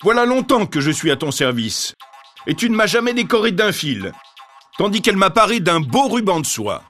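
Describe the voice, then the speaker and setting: A man's voice: sits high, sing-song, normal speed, a bit bright, soft background music, voice pushed up, heavily acted. A man voicing a vain birch tree. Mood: reproachful.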